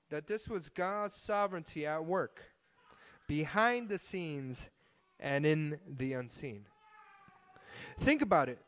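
A male pastor preaching a sermon in a church, earnest and rhetorical, asking repeated questions to his congregation. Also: high-pitched. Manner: slow measured prayer. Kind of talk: sermon with congregational scripture reading. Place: church sanctuary.

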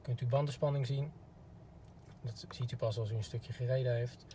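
A car product expert sits in a parked car and runs through a courteous, informal instructional demo. His mid-range voice is mellow and steady at a normal speed, with a clean recording background.

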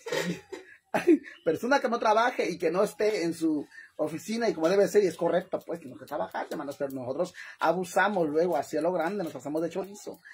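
A woman with a Mexican accent chatting casually on a livestream, talkative and animated, laughing often and calling her viewers "hermanas". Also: fairly low pitch, brisk, slight background noise. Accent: Mexican Spanish. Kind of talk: casual livestream chat to followers.

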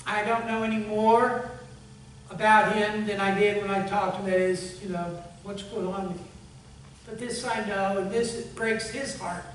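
A male pastor preaches, moving between relaxed storytelling and earnest appeals that drop to a hush. He sounds distant from the mic, his voice ringing around a very echoey church hall over a faint hum. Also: high-pitched, moderate pace. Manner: conversational storytelling, earnest appeal, fading to hushed prayer. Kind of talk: sermon. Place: church sanctuary.

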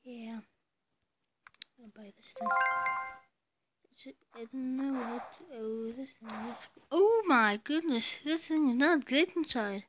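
A woman giving rambling, excitable commentary to herself while playing a flight game. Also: on the high side, takes it slowly, long pauses, loud music behind the voice. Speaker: gameplay video creator. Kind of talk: casual gameplay commentary.

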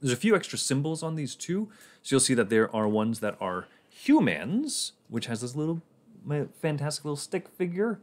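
A man's voice: mid-range voice, big pitch swings, moderate pace. A man casually talking through his moves in a board game on a livestream, rambling and laughing often.

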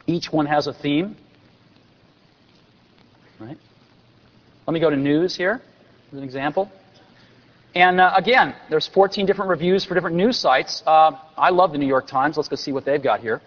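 Guy in his 40s hyping products on a big stage, bit of dry sarcasm, echoey hall, muffled old recording. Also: a little high. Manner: enthusiastic, salesmanlike, dry sarcasm. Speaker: company executive presenting on stage. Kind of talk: product keynote presentation. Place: large convention hall stage. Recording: dull lo-fi recording with long hall reverb.

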